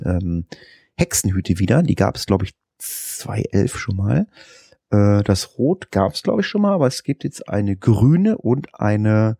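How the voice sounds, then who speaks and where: A man from Germany hosting a casual podcast, talking quickly and tripping over his words. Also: fairly low pitch, vocal fry, dark tone, no echo, clean studio sound. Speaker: podcast host.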